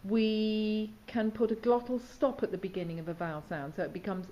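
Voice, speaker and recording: A woman teacher instructs students in diction, questioning them, explaining exercises, and demonstrating sounds. Her mid-range voice is level, brisk, and warm, and the sound is lo-fi.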